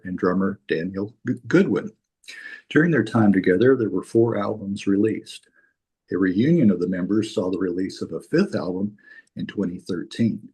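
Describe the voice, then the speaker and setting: A man's voice: fairly low pitch, a little mellow, breathy edge. A man hosting an interview show, reading an intro and asking questions with frequent laughs. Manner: friendly, laughs often, read intro.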